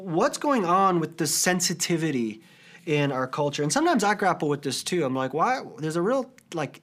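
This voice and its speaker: A man's voice: on the high side, fairly bright tone. Earnest man preaching a sermon. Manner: earnest, conversational storytelling with fillers. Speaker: pastor.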